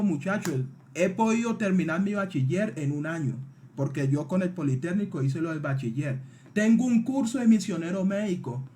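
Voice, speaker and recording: A man's voice: high voice, a little mellow, slight background noise. A man in his twenties with a Colombian accent, a streamer earnestly telling his own life story and speaking straight to his listeners. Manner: earnest, heartfelt, often addressing the listeners directly. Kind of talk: personal life story told to a live audience.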